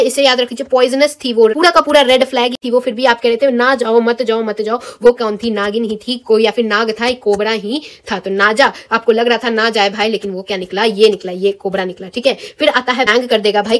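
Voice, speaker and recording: A young woman teaching a biology lesson online, quick and jokey, asking rhetorical questions and giving memory tricks. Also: on the high side. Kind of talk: online exam-prep lesson.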